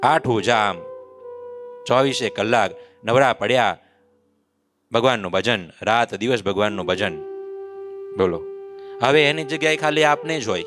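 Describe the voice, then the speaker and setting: A man's voice: mid-range voice, measured pace, long pauses. A man preaching a devotional story, who acts out the voices of mocking villagers as he tells it. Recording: clear instrument music behind the voice. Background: musical instrument accompaniment.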